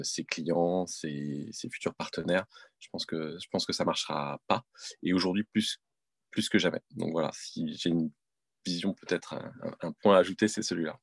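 A man's voice: deep voice, no echo. A man answering interview questions as a guest, thinking aloud with many hesitations. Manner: hesitant, many fillers and restarts. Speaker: podcast guest, entrepreneur and mentor. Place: home in Paris.

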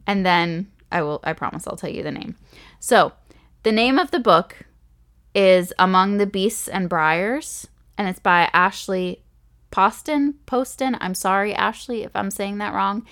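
A woman's voice: mid-range voice, measured pace, fairly bright tone. A young pregnant woman hosting a podcast, talking in a gushing, chatty way with frequent restarts and little laughs. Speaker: podcast host. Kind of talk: casual solo podcast talk.

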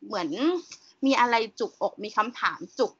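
A woman's voice: mid-range voice, normal speed, pushed and bright. A woman co-hosting a podcast, chatting casually and recommending a film with enthusiasm. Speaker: podcast co-host. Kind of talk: casual chat. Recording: dull lo-fi sound.

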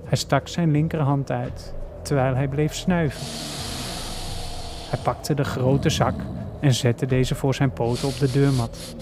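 A man reading a horror story aloud slowly and deliberately. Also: mid-range voice, steady tone. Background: faint music.

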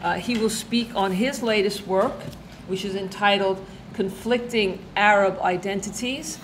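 A woman hosting an event, giving a semi-formal introduction with frequent pauses mid-phrase. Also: mid-range voice. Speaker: event host introducing a speaker. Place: indoor event, being filmed. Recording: faint background noise.

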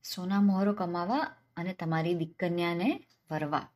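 A clever, penniless young man from a spoken folk tale, as a woman reads him. He sounds cheeky and sure of himself, turning every question back, lower-pitched. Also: normal speed, darkish tone, close to an everyday voice. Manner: cheeky, confident, answers questions with questions.

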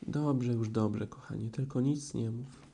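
A man's voice: medium pitch, fairly even intonation, measured pace, gravelly, warm tone, breathy edge. A man voicing a kindly but firm mother kangaroo in a storybook reading, coaxing and motherly. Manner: coaxing, bossy-sweet.

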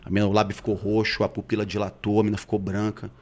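A man's voice: on the low side, monotone, fast talker, darkish tone. A man telling a personal story in casual slangy chat.

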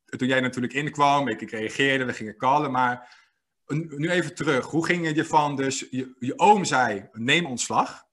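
A man hosting a podcast, telling stories in a lively, playful way and laughing often. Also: medium pitch, moderate pace. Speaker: podcast host. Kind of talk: casual podcast conversation.

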